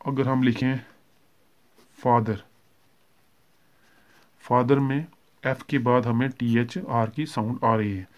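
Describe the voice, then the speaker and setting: A man's voice: mid-range voice, highs cut off. Male shorthand tutor, Hindi accent, plain mid voice, patient step-by-step explainer with frequent check-ins. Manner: steady explaining, frequent "ठीक है" check-ins and self-corrections; mixes English terms into Hindi. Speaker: shorthand teacher. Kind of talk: classroom lesson explaining strokes.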